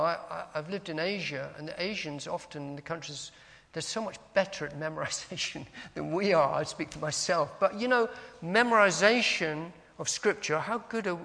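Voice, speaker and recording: A man's voice: high voice, gravelly, pushed and bright. A man preaching a conversational sermon in a church, wandering into asides and reading scripture aloud with stress on single words. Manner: conversational, digressive, reads scripture aloud with emphasis. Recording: long church reverb.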